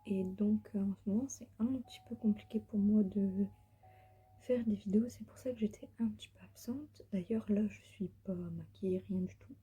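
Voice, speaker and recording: A woman whispers her way through a relaxed beauty unboxing vlog, her voice very breathy and soft. Her tone is dark and mellow, and she sounds tired. She is sitting on the floor of her bedroom. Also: medium pitch, moderate pace, muffled recording. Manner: whispering softly. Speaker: beauty vlogger.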